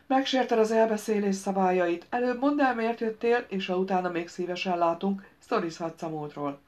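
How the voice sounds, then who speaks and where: A woman's voice: medium pitch, darkish tone, lightly acted. Woman reading as a dry witty woman, sarcastic, lecturing, audiobook character.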